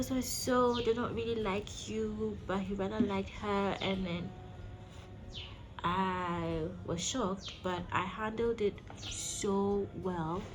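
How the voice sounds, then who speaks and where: With music and other noise in the background, a medium-pitched woman vlog host recounts a personal story. She addresses her listeners directly, casual yet emphatic.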